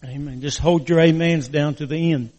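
A man's voice: fairly high pitch, fairly even intonation, darkish tone, long reverb tail. Older male preacher with slightly slurred speech. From West Virginia, US. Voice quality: slightly slurred crooked-mouth articulation after mouth surgery. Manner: earnest, halting, folksy. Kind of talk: church sermon.

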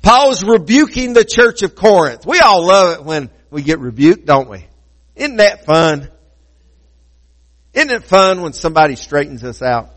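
A man preaching a communion sermon, emphatic, slowing down to repeat key phrases and adding playful asides to the congregation. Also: on the high side, big pitch swings, a bit bright, long reverb tail, poor audio. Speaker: pastor.

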